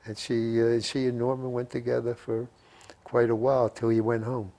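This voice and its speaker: A gravelly WWII veteran in his 80s reminisces during an interview at home in his living room, recorded on a lapel mic. His mid-range, dark-toned voice moves at normal speed with flat delivery as he rambles through anecdotes, repeating phrases and quoting dialogue he remembers.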